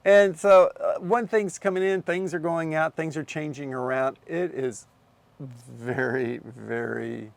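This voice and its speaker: A man's voice: a little high, steady tone, normal speed, hardly any pauses. A man running a camera shop, chatting casually in a rambling way, repeating himself and restarting.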